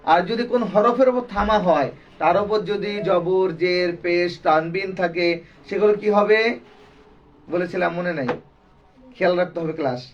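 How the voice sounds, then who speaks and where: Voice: medium pitch, moderate pace, distant mic, lo-fi sound. A Quran recitation teacher giving a classroom lesson, drilling the students with repeated questions and call-and-response.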